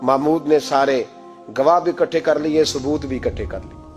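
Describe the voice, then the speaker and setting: A man preaching a sermon and telling a moral story, with dramatic swings between loud emphatic peaks and hushed passages. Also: a little high, normal speed, faint music behind.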